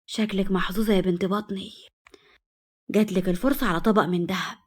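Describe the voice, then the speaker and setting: A woman voicing a scheming older mother with an Egyptian accent, hushed and sly. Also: medium pitch, fairly even intonation, quick pace, breathy edge, natural voice.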